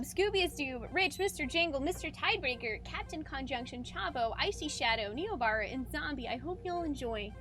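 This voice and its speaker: A woman live streamer chatting playfully and excitably with her viewers over a video game, reacting expressively in a gamer girl manner. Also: high-pitched. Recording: game music behind the voice. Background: game music.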